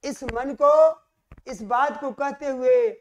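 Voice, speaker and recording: A male Hindi teacher giving an exam-prep lesson on poetry, calling his students dear children and asking them questions that he answers himself. He reads the verse lines slowly, stressing each word. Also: very high-pitched, steady tone, slight background noise.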